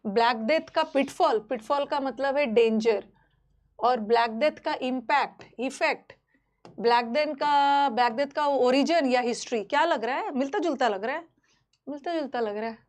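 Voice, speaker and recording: A woman's voice: high voice, moderate pace. A woman teaching a live online exam-prep class, explaining terms in a mix of Hindi and English and checking in with students often.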